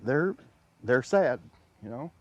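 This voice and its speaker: A man's voice: medium pitch, animated, slow pace, darkish tone, lo-fi sound, slight background noise. A man giving a plain, conversational eyewitness account in a news interview, somewhat subdued. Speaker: interviewed dog owner.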